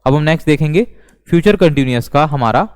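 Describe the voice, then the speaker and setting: Male teacher, slightly high voice, smooth and clear, deliberate repetitive delivery, long reverb. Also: expressive. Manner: slow, deliberate, repeats each sentence. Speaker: English teacher. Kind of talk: classroom grammar lesson.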